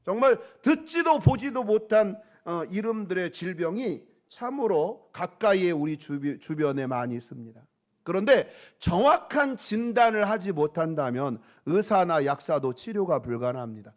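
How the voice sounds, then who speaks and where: A man's voice: sits high, big pitch swings, moderate pace. A male pastor preaching a sermon, calling out questions to the congregation and pressing his points with emphasis.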